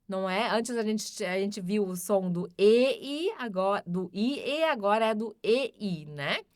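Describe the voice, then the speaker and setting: A woman with a Brazilian Portuguese accent teaching a grammar lesson, patiently repeating each example sentence slowly. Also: mid-range voice, animated, a little mellow, dry recording, studio quality. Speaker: German teacher.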